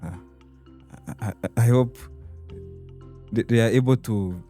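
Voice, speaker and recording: A young man with a Rwandan accent, a student leader, speaking in a halting way with many restarts. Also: medium pitch, mellow, soft background music. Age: young adult. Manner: laughs often, halting. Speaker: student guild president. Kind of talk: casual interview chat.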